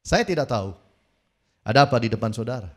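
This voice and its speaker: A male pastor preaching a sermon, telling a story dramatically and rising to near-shouts at its peaks. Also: medium pitch, expressive, quick pace.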